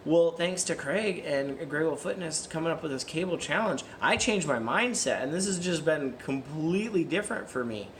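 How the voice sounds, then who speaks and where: A man's voice: a little high, lively intonation, moderate pace, hardly any pauses, slight background noise. A man giving a casual, earnest motivational vlog talk, often asking himself questions and answering them. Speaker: fitness vlogger.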